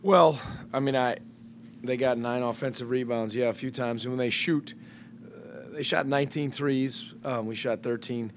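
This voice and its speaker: A man's voice: mid-range voice, moderate pace, slight background noise. A middle-aged man, a head basketball coach, answering questions at a post-game press conference, speaking thoughtfully with many fillers and restarts into a table microphone. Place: press room in front of a sponsor backdrop.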